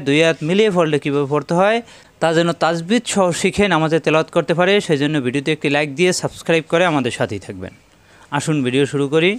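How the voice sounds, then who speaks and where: A man giving a tajweed lesson, chanting verses slowly and then quickly explaining how each letter is pronounced. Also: a little high, clean tone. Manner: alternates slow melodic recitation with quick explanations of pronunciation. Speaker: Quran recitation teacher.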